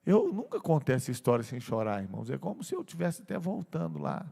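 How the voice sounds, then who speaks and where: An older man from Brazil, a pastor telling a personal story in a sermon, often slowing down and dropping to a soft voice. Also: medium pitch, wildly swooping pitch, gravelly, husky. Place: church sanctuary. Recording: long church hall reverb.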